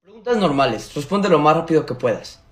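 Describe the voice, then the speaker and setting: A man's voice: on the high side, sing-song, fairly quick, very noisy. A man asking quiz questions in a comedy sketch.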